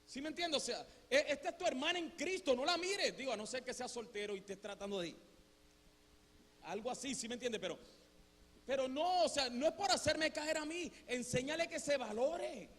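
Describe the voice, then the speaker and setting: Animated high-voiced preaching man. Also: moderate pace, in a large hall. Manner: animated, conversational preaching with rhetorical questions. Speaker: pastor. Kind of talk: sermon. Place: church sanctuary.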